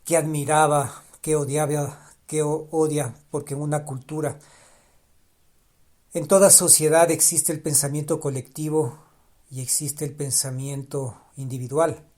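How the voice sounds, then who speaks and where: Here a podcast host speaks solo and reflectively, a native Spanish speaker who keeps restarting phrases and repeating ideas for emphasis. His slightly high voice has a darkish tone, little pitch movement, and a somewhat slow pace.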